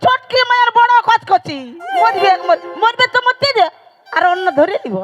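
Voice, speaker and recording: A woman's voice: extremely high pitch, lively intonation, moderate pace, highs cut off. A woman with a Purulia Bengali accent playing a wife of twenty years, scolding her husband sharply and waving him off on a village comedy stage. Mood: exasperated. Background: loud folk stage music.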